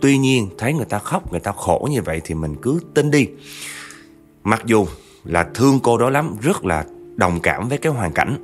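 A man's voice: lowish voice, very animated, normal speed, soft background music. A man telling a family story in a chatty way, often speaking straight to the listeners. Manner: chatty, addresses listeners directly. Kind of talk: narrating a true spooky family story.

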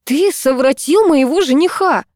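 A woman reading an audiobook, voicing a furious, scornful young woman who lashes out in raised, sharp outbursts. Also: high voice, expressive, moderate pace, no room sound, clean studio sound, pitched above the performer's own voice.

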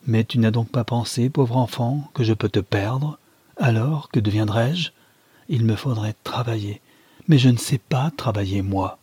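A man's voice: mid-range voice, measured pace, mellow, husky, no room sound. A man voicing a self-pitying aging mother who reproaches her daughter in a plaintive, pleading way, in a novel read aloud. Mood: reproachful.

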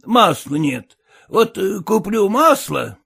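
A man's voice: sits high, very animated, slow pace, gravelly, a bit bright, husky, pitched above the performer's own voice, exaggerated voice. A man reading an audiobook, voicing a kindly captain who fusses and hesitates with filler sounds. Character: kindly fussing old captain. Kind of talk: audiobook character voice.

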